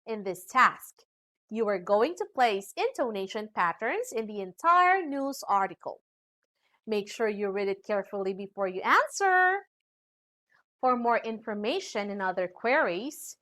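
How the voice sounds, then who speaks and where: Lively woman teacher. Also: a little high. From Philippines. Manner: upbeat, with emphatic sing-song stress on key words. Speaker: English teacher. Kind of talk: scripted virtual lesson.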